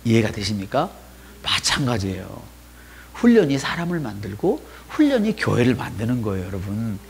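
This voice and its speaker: A male pastor preaching a sermon with lively energy, moving between loud exclamations and hushed asides. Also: on the low side, normal speed, vocal fry, a little hiss or hum. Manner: animated preaching, shouting hallelujahs, dropping to whispers.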